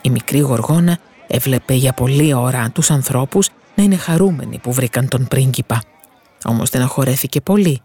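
A woman narrating a fairy tale with lively, expressive reading. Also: extremely low pitch, husky, dry recording, clean studio sound. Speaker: storyteller. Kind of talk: scripted storybook narration.

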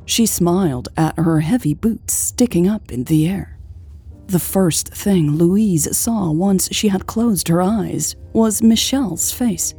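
Breathy, slow woman narrating an audiobook. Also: fairly low pitch, soft background music. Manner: measured, steady reading.

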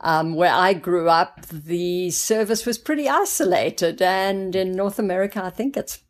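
Low-voiced woman interviewer praising her guest. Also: measured pace. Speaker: interviewer host. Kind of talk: casual interview chat.

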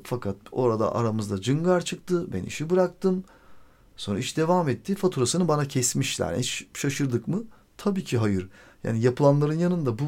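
A man hosting a podcast tells a story from his own life in a loose, chatty way. His voice is warm and mellow. He acts out what each person said and swears freely. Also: medium pitch. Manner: animated, acts out quoted dialogue. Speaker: podcast host. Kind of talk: casual storytelling monologue.

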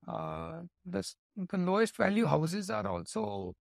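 In a studio-quality recording with no room sound, a man with an Indian English accent speaks as an interview guest. He's a company executive explaining his answers to business questions, occasionally correcting himself mid-sentence. His voice sits high, with vocal fry and a measured pace.

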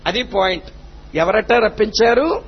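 Male preacher, high husky voice, tells the story with acted lines and keeps asking the congregation if they are listening; lo-fi recording. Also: animated, measured pace, slight background noise. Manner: retells stories with acted dialogue, often asks the audience if they follow. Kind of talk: Telugu storytelling sermon.

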